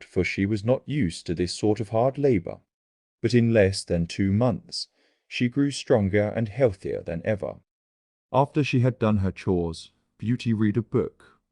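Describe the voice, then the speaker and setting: A man reading a classic fairy tale aloud as a storyteller, in a measured, enunciated storybook-opening manner. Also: lowish voice, dark tone, dry recording, studio quality.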